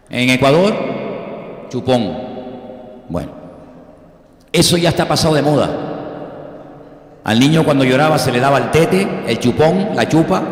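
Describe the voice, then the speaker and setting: A pastor in his sixties from Venezuela, preaching a sermon with humorous stories and earnest warnings. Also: on the low side. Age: 60s. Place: church hall. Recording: echoey hall with long reverb.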